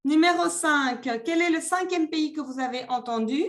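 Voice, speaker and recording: A woman teaching a French class, leading slow, deliberate pronunciation drills. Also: high voice, a bit bright. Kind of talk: classroom instruction.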